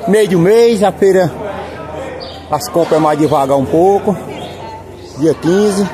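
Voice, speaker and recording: A man's voice: sits high, takes it slowly. A man with a Northeastern Brazilian accent giving a casual walk-around market commentary, repeating short exclamatory phrases like a seller's patter. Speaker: vlogger. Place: busy covered open-air street market. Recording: outdoor crowd noise behind. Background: market crowd.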